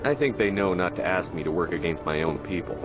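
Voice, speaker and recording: A man's voice: deep voice, lively intonation, quick pace, music in the background. A man playing a blunt, authoritative military commander in a video game. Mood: guarded, formal. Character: blunt, authoritative human military commander, hard-edged hero. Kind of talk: video game drama acting.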